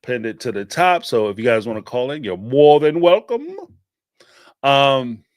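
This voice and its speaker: Here a man of medium pitch speaks at a measured pace over a dry, clean studio recording. He hosts a live-stream call-in show in a Philadelphia accent, Northeastern US, and keeps it casual, rambling and animated, laughing often with many fillers.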